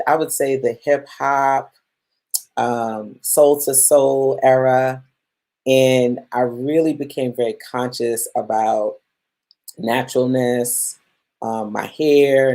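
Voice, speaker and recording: Here the Guyanese-born, Brooklyn-raised chef and health coach speaks slowly in a very deep, mellow voice with fairly even intonation. She hosts her plant-based live-streamed masterclass in a chatty, upbeat manner, calling out viewers by name.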